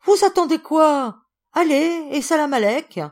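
A woman voicing a haughty alien lady official who speaks in a shrill, commanding way, for an audiobook. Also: expressive, unhurried, darkish tone. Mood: shouting.

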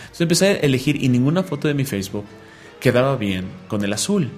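A man's voice: mid-range voice, very animated, fast talker, a little mellow, soft background music. A man hosting a radio talk show, chatting and telling stories with a joking manner. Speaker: radio host. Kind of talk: casual radio chat.

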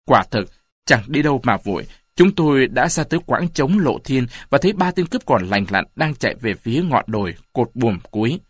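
A man narrating a story aloud in an expressive reading style. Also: mid-range voice, fairly quick, breathy edge, no room sound, clean studio sound. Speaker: audiobook narrator.

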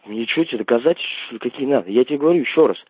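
A man's voice: mid-range voice, lively intonation, very fast, slightly rough, dry recording, faint music behind. Blunt man over a tinny landline phone. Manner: blunt, insistent, keeps repeating himself. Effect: heard over a landline phone. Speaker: call recipient. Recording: tinny, dry phone line.

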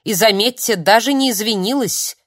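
A woman's voice: big pitch swings, moderate pace, no echo, clean studio sound. A woman voicing a jittery old man who grumbles and then shrieks threats. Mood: agitated. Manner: shrill, spluttering outbursts. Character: nervous old man, shrill and menacing.

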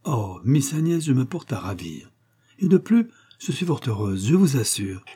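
A man's voice: medium pitch, sing-song, moderate pace, mellow, slightly rough. A male reader voicing a vain, effusive middle-aged woman who has newly remarried, exclaiming piously and gushing over everyone.

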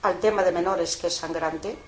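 An older woman being interviewed, telling a story in a casual, lively way with lots of fillers. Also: lowish voice, normal speed. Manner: colloquial, lively retelling with frequent fillers. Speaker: interviewee, mother of a prisoner. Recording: echoey room, faint background noise.

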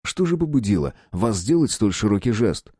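A man's voice: lowish voice, very animated, normal speed, warm tone, slightly rough, dry recording, clean studio sound. A man doing a curt, tough detective. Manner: curt and threatening.

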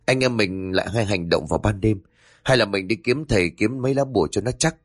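A man voicing a cautious young male thug in a spoken horror story, hushed and wary. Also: fairly low pitch, brisk, no echo, studio quality, natural voice.

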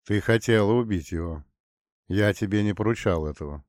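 A man voicing a cold, menacing supernatural master with a flat, metallic manner in an audiobook. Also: lowish voice, moderate pace, no echo, clean studio sound, natural voice.

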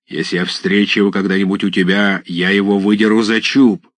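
A man voicing a stern older village head in a storybook reading, speaking hoarsely in a low half-voice. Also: level tone, brisk, no room sound, lightly acted. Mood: menacing.

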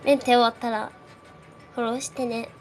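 A woman's voice: on the high side, level tone, brisk, a little mellow, faint music behind. A young woman hosting a live audio space, greeting listeners in casual chat, her voice shaky and nervous with frequent little laughs.

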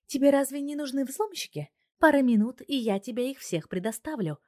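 A sharp-tongued young wife and computer genius, commanding and scolding with a raised, forceful voice, as a woman reader puts her on. It is recorded dry and close, like a storybook reading. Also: sits high, expressive, fairly quick, no echo, voice pushed up. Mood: brisk.

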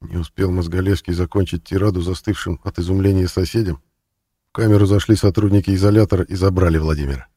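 A man narrating a novel in a steady, measured reading voice. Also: low-pitched, no echo, clean studio sound. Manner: steady, measured reading, rises to loud acted shouts. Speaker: audiobook narrator. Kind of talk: scripted narration.

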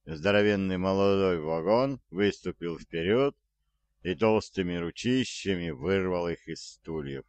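A man narrating an audiobook in a slow, measured reading. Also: deep voice, clean tone, dry recording.

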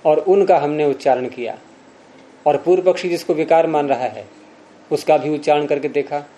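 A mellow, fairly high-pitched man leads a class through a grammar text. He reads lines aloud, then breaks them down slowly and puts questions to his students. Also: lo-fi sound. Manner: patient, questioning students, slows to spell out examples. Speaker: Sanskrit grammar teacher.

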